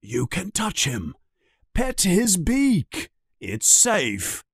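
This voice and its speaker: A man's voice: high-pitched, huge pitch swings, very slow, breathy edge, no room sound, clean studio sound, voice pushed up, heavily acted. A man reading as Hagrid, coaxing giant teacher. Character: big kindly male giant teacher, eager.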